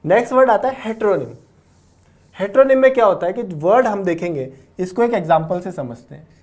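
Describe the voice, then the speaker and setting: A man's voice: sits high, lively intonation, a little fast, a little mellow. A young man teaching vocabulary in a classroom lecture, explaining word roots patiently and often checking with "okay?", with English words mixed into his Hindi.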